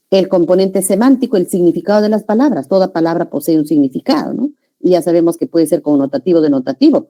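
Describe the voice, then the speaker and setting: A woman gives a classroom lecture in a warm, mellow, rather low voice. She explains step by step, slows down to spell out individual sounds, and keeps checking in with the class through short tag questions. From Peru. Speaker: teacher.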